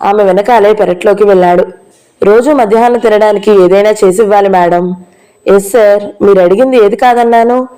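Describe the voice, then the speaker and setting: Female audiobook narrator, even storytelling read, warm dark tone. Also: medium pitch, moderate pace, smooth, low-quality recording. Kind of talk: reading a novel aloud, voicing all characters.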